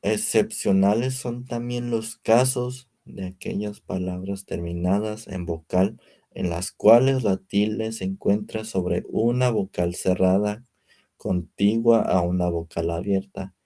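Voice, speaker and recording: A young man presents a spelling lesson as a student, reading examples one after another. His delivery is slow and careful, and his voice is low and mellow. He stumbles now and then and corrects himself. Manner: reads word lists slowly with pauses, some slips.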